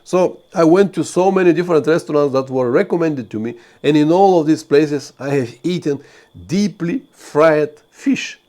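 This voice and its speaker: Speaking at a normal pace with a high-leaning, dark-toned voice, this Bulgarian motorcycle travel host talks to live stream viewers. His advice is earnest, though he often uses fillers and starts sentences over.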